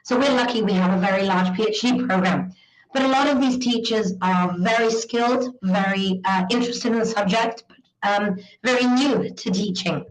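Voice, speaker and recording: Female academic presenter, hoarse and croaky frog voice from a cold, informal online talk, roomy sound. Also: mid-range voice, moderate pace. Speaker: university academic giving a panel presentation. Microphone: video call. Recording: roomy, echoey video call audio.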